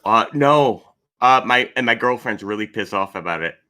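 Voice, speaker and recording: Lively bright-voiced man. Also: fairly low pitch, normal speed. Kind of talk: casual chat.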